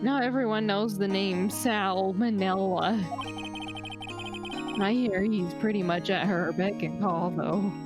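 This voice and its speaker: A woman streamer chatting casually and reading game lines aloud, giggly, on a close, slightly muffled desk mic. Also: medium pitch. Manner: giggly, unhurried. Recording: game music under the voice. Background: loud game music.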